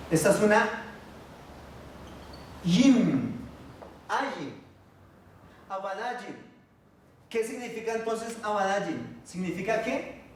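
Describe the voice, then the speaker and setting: A man teaching a Biblical Hebrew class, patiently asking his students questions and pausing on fillers. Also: high-pitched, far from the mic, a little hiss or hum. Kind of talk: classroom lesson. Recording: echoey room, voice from afar.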